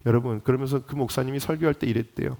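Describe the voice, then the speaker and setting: A man's voice: mid-range voice, racing, warm tone. A male pastor delivering a dawn sermon in a church sanctuary. He speaks with passion, asks the congregation rhetorical questions and builds to emphatic peaks. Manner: impassioned, rising to emphatic peaks.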